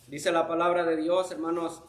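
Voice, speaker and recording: A man's voice: on the high side, level tone, moderate pace. A man teaching a church Bible lesson, speaking emphatically and addressing the class as brothers. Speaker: Sunday school teacher. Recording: roomy echo.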